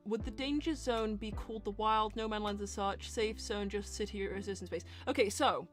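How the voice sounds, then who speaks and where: Over gentle music, the host and voice actor of a live character Q&A show speaks at a brisk clip in a mid-range voice. Casual and lively, she reads questions from the audience and thinks through her replies out loud.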